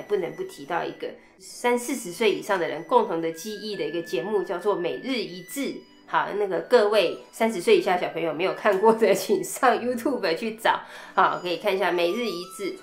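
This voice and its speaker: A woman teaching flute technique in a chatty way, breaking down each passage and singing rhythm syllables, with a Taiwanese Mandarin accent. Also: on the low side. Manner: chatty, explains step by step with sung rhythm syllables. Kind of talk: instrument technique lesson. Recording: echoey room, faint music.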